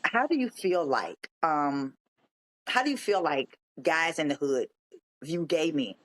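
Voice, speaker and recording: A man hosting a podcast interview, speaking in a measured, affirming, thoughtful way. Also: fairly high pitch, animated, a bit bright. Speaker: podcast host. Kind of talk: interview conversation.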